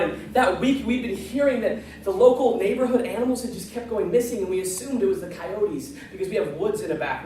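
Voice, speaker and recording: A man's voice: high-pitched, darkish tone. A man telling a comic, folksy tall tale live, with dramatic storytelling and acted-out dialogue. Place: large echoey room, live before an audience. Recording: distant, very echoey live room, background noise.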